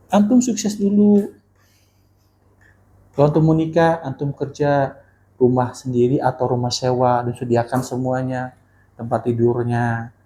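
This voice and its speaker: A man's voice: medium pitch, slight background noise. A male Islamic teacher giving a casual sermon to young people. He talks in a slangy, colloquial way and keeps firing questions at his listeners. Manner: animated, keeps quizzing the audience.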